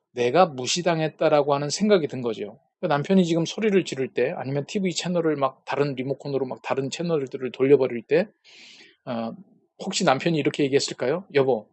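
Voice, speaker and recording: A man's voice: fairly high pitch, a little mellow, no room sound. A man giving a lecture at a peacemaking school, posing rhetorical questions and retelling conversations as little dialogues. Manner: poses rhetorical questions to the audience. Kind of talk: church-based lecture on conflict.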